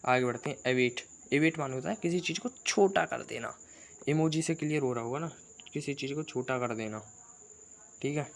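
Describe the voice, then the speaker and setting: A man runs an exam-prep vocabulary lesson. He talks in a chatty, teasing way, firing off long lists of synonyms at a middling pitch. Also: normal speed, gravelly. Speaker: vocabulary teacher.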